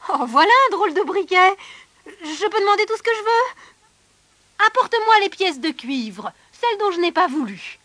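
Lady putting on an eager young soldier guy, exclaiming, high and bright, storybook tale. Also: normal speed, dry recording. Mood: amazed.

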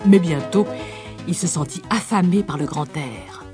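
A woman narrating a children's storybook with a gentle, expressive read-aloud manner. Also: on the low side, measured pace, over music.

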